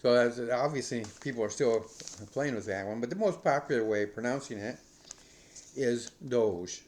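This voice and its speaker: A man's voice: medium pitch, normal speed, a little mellow, slight background noise. A middle-aged man from the United States hosting a news commentary podcast, rambling with many fillers and restarts. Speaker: podcast host.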